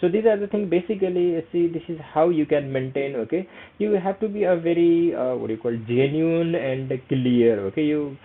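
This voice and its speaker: His voice a little high and his pace moderate, a young Nepali-accented vlogger, a native Nepali speaker, leads a screen-share tutorial. He speaks hesitant English with lots of fillers and repeated "okay," heard through tinny, phone-like audio.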